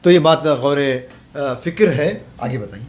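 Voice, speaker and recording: Man, reporter, slightly high voice, summarizes for viewers. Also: unhurried, a little mellow. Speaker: interviewer, reporter. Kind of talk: news interview.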